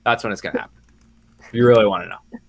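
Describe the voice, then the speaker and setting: A man's voice: on the low side, rapid-fire, gravelly, breathy edge. A man co-hosting a casual sports podcast, rambling and correcting himself with joking asides. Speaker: football beat reporter, podcast co-host.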